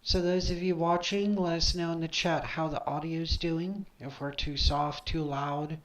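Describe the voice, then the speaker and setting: A woman's voice: deep voice, steady tone, a little slow, poor audio. A woman chatting casually as a stream host on a headset mic, insistent and repeating her points. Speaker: video creator and streamer, host. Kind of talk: casual livestream chat.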